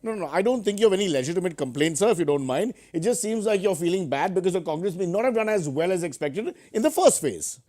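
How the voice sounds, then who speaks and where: A man's voice: high voice, expressive, fast, few pauses, dark tone. A man with an Indian accent hosting as a parody news anchor, mock-serious with sarcastic asides. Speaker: host of a news satire show.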